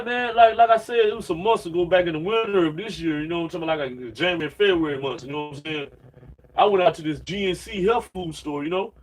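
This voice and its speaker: The voice is high and the recording low quality: a religious preacher in his late thirties, reading scripture during an informal sermon. He rambles in slang, with "man" and "you know what I'm saying" padding nearly every sentence.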